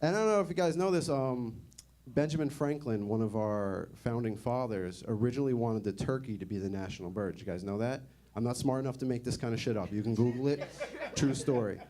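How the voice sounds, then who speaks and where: On a comedy club stage, a young man performs stand-up in a mid-range, brisk, mellow voice. His style is conversational and sardonic, and he often puts questions to the audience.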